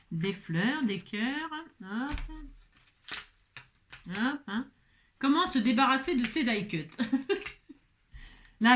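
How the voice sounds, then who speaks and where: A middle-aged woman talks her viewers through a craft project in a loose, rambling way. Her voice sits a little high, and she often stammers and starts over, tossing in self-mocking asides as she works. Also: slight background noise. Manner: stutters and restarts often. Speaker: craft vlogger. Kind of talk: casual crafting tutorial chat.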